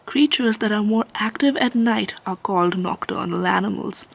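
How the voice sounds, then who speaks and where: A woman giving playful, measured educational narration for children as a nature presenter. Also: medium pitch, gravelly, no echo.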